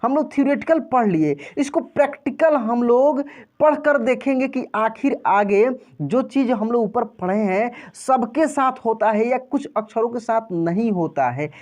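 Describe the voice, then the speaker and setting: A man's voice: very high-pitched, expressive, a little slow. A patient man teaching vowel sounds. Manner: patient and repetitive, drawing out vowel sounds loudly for practice; addresses viewers as friends and often checks understanding. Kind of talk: online video lesson for adult learners.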